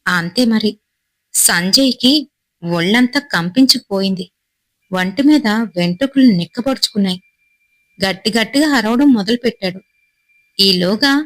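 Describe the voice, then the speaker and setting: A woman tells a horror story in short, suspenseful phrases at a middle pitch. Her voice is close and dry, with no room sound. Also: a bit bright, no echo, poor audio.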